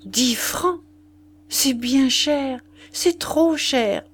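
A woman's voice: fairly high pitch, slow pace, a little mellow, slight background noise, pitched above the performer's own voice. A woman doing a fretful poor peasant father. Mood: dismayed. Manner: plaintive, fretful. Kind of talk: audiobook reading.

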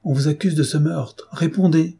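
Storybook role: a man reading a young chevalier, stern, husky, mellow. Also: fairly high pitch, moderate pace, pitched above the performer's own voice, full character voice. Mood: accusing. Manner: stern, accusing. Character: young indignant French chevalier, proud swordsman. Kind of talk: audiobook reading.

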